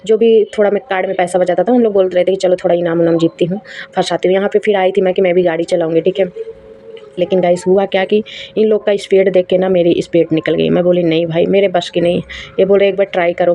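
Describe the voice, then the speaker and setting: A woman's voice: on the low side, steady tone, quick pace, mellow. A young woman, a mother, narrating a family outing in a chatty, amused vlog voice-over that keeps addressing viewers as guys. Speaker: vlogger.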